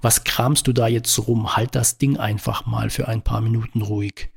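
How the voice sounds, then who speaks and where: A man reading the lines of an exasperated, shouting woman in a spoken story, in his own gravelly, husky voice. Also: lowish voice, flat delivery, normal speed. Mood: angry. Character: furious woman with a botched injury.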